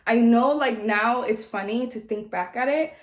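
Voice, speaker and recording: A woman in her twenties casually telling a personal story, animated and laughing as she acts out what people said. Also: a little high, normal speed, roomy sound. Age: 20s. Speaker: vlogger.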